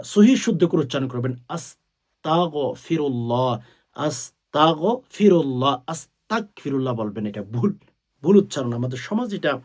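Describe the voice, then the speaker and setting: Fervent Bangla-speaking male preacher. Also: on the high side. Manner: swells to loud, drawn-out emphasis on key words; addresses listeners directly as friends. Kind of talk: sermon.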